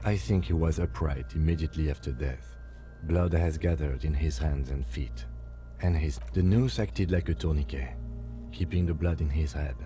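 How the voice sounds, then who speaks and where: A man playing a composed, methodical police detective in a video game, measured and matter-of-fact. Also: very deep voice, mellow, faint music behind. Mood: measured, dry. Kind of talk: video game character acting.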